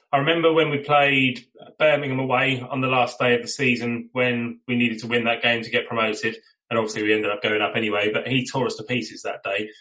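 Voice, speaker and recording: Man, podcast host, bright tone, blunt and chatty, drops the odd swear. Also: medium pitch, poor audio. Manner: blunt, swears casually, steers the discussion with questions. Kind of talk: casual fan podcast chat.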